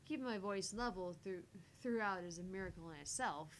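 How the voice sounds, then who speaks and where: A woman with a mid-range voice, lively intonation and moderate pace reads visual novel dialogue and inner thoughts, lightly acted. She plays an irritated, sardonic professional heroine with clipped politeness, over slight background noise.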